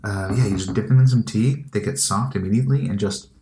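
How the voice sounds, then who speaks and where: A woman's voice: rumbling low, fast, mellow, echoey room, slight background noise. A woman co-hosting a podcast in casual chat, playful and close to the mic. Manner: playful, leans into the mic for mouth sounds. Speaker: podcast co-host.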